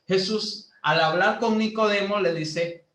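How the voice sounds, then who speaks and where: A man from Bolivia giving a sermon to a youth group as a lay preacher, teaching slowly with many fillers and building to emphatic preaching. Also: sits high, fairly bright tone, roomy sound, rough recording.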